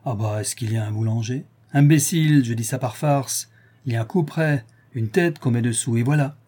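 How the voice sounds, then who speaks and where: Un homme lisant à voix haute prête sa voix à un forçat endurci et fanfaron, à la bravade sauvage. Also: male voice, mid-range voice, brisk, dark tone, husky, close to an everyday voice. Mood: boastful. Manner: swaggering, boastful. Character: boastful hardened male convict, savage bravado.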